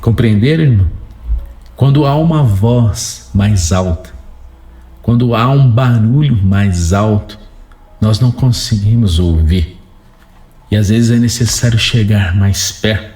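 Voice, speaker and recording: A man's voice: lowish voice, unhurried, dark tone. A Brazilian man preaching a sermon in a didactic way, using rhetorical questions and repeated phrases.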